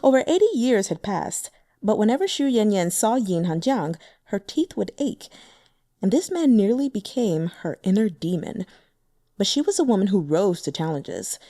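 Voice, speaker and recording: With a warm, mellow, mid-range voice at a moderate pace, a female audiobook narrator performs a translated fantasy novel. She voices each character separately and keeps her intonation animated and varied. The mic is close and dry, with no room sound.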